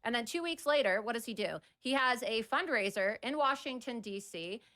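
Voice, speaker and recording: A woman's voice: on the high side, expressive, normal speed, pushed and bright. A woman giving political commentary in an earnest, ranting way, stumbling over restarts as she talks.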